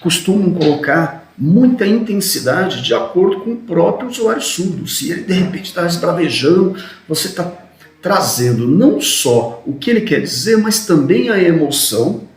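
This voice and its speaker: A man teaching a recorded video lecture, talking quickly and tagging his sentences with questions to the students. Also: sits high, sing-song, echoey room. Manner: talks fast, often adds "né?".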